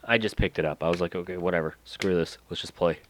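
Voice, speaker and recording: A man with a low, steady voice hosts a solo podcast at a quick pace, his speech congested and nasal from a head cold. He wanders off topic, trails off and restarts sentences partway through, and a little hiss or hum is audible.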